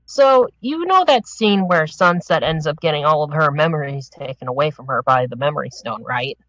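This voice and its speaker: A man's voice: a little high, expressive, normal speed, a bit bright, no room sound, rough recording. A man chatting on a group podcast call, a little out of breath and rambling through his points. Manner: rambling, restarts with "the thing is". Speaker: podcast panelist. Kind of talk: casual group discussion.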